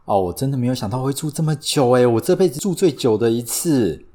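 A man's voice: mid-range voice, animated, fast, warm tone. A man with a Taiwanese Mandarin accent co-hosting a podcast, recounting events plainly and easily in casual chat. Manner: easygoing, recounting plainly with small agreeing words. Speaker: podcast co-host.

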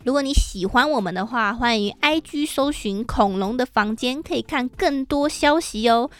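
A woman's voice: a little high, lively intonation, moderate pace, no echo. A woman hosting an unscripted solo podcast, talking bluntly and swearing freely and casually. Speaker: podcast host. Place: at home, rain on an awning outside.

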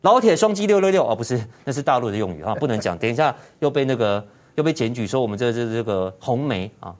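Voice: medium pitch, quick pace, darkish tone. A political commentary host, ranting indignantly in heated commentary and firing off repeated rhetorical questions.

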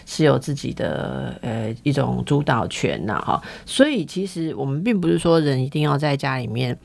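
A woman hosts a casual chat in a low, gravelly voice. Her pitch moves a lot as she asks probing questions and drops little "ha" tags. The sound is close and dry. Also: expressive, moderate pace, a little mellow, dry recording. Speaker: host.

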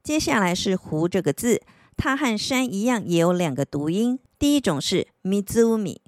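A woman giving a scripted language lesson, repeating each word slowly and clearly for learners to practice. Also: mid-range voice, big pitch swings, no echo, clean studio sound. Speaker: Japanese language teacher.

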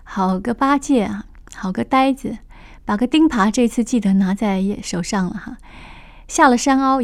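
A woman's voice: fairly high pitch, darkish tone. A woman storyteller retelling a classic novel on radio, chatty, stopping to explain words with asides.

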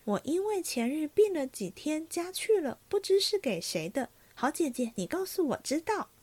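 A woman voicing an eager, cheerful young maid who talks in a lively, pleading way. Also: high voice, normal speed, no echo, pitched above the performer's own voice.

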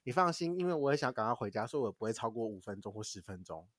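Young male podcast co-host, from Taiwan, quick and animated storyteller, dry close mic. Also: mid-range voice, no echo. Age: young adult. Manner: animated, swears casually, laughs while telling. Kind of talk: casual storytelling chat.

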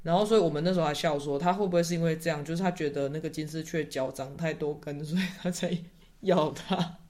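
A man's voice: a little high, fairly even intonation, fast talker, a little mellow. A young man, chatting casually as a podcast guest, telling a story in rambling bits that trail off, laughing often. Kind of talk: casual chat.

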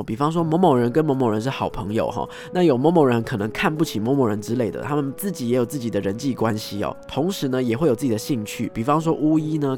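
A man telling a story as host, animated, acting out scenes and ending phrases with soft tag particles. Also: medium pitch. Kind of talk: casual storytelling monologue.

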